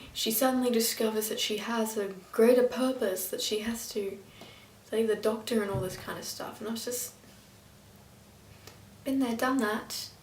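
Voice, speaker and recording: A young woman still in school, chatting casually in a rambling, excitable way as a fan reviewing a show. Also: fairly high pitch, recorded from a distance, slight background noise. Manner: rambling and excitable, with frequent fillers and asides. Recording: roomy echo, voice a little off-mic.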